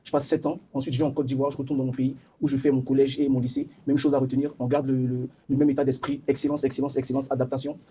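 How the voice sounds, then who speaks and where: Quick, flat-voiced young man. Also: mid-range voice, slight background noise. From Ivory Coast. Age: 20s. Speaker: job interview candidate. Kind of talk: self-presentation in a job interview.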